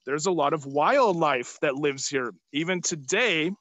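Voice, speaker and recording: Bright, high-voiced man talking through face mask. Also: lively intonation, a little slow. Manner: projecting, upbeat, asking the audience questions. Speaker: tour guide and live video host. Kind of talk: live virtual tour for children. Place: outdoors on an open hilltop terrace. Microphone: phone or camera at arm's length, video call.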